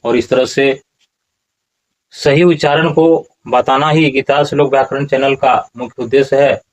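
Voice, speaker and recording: A man teaching Sanskrit verse pronunciation in a slow, explanatory lesson, repeating words syllable by syllable. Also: mid-range voice, fairly even intonation, low-quality recording.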